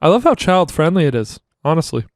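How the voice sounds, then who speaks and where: A man's voice: a little high, very animated, fast, no echo, studio quality. A man co-hosting a podcast in casual chat, laid-back and blunt, often with short replies. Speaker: podcast co-host.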